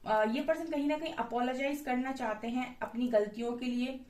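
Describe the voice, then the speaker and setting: A woman giving a casual tarot reading to her viewers, calm and reassuring, often repeating little fillers like "guys" and "okay". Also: sits high, moderate pace. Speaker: tarot reader. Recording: echoey room from far off the mic.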